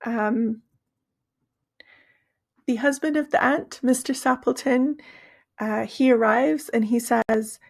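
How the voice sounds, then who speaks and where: Explaining story vocabulary patiently, this English teacher has a husky, gravelly, hoarse voice pitched slightly high for a woman. Her explanations are broken by frequent pauses and restarts.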